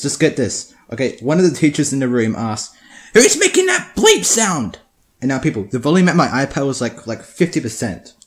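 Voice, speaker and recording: Teen boy, mid-pitched, profane and rambling, casual storytelling. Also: a little mellow. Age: teenager. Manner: crude, profane, rambling with many restarts.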